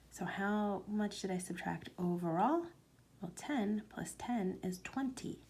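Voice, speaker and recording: A woman math teacher talking slowly through a homework lesson, explaining each step as she writes and sometimes dropping to a near whisper. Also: on the low side, darkish tone, a little hiss or hum. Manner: slow, step-by-step explaining while writing.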